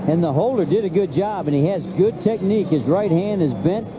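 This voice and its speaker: High-pitched male football color commentator. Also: animated, fairly quick. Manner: conversational, emphatic, repeats himself. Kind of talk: live football analysis. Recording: noisy stadium broadcast. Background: stadium noise.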